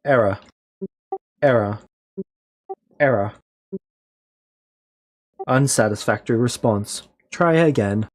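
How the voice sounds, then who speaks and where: A man, as game master, voicing a cold, literal robot guardian that glitches and loops flat stock phrases. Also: mid-range voice, slow pace, long pauses, no room sound. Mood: glitching. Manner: repeats flat stock phrases like a looping machine.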